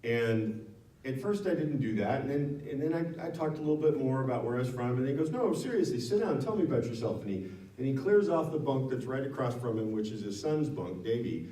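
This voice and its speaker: A man's voice: medium pitch, a little fast, mellow. A man from Nevada speaking as a guest at a town hall, telling a personal story in a frank, conversational way and correcting himself as he goes. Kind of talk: storytelling talk to an audience. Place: town hall meeting room. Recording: echoey room from far off.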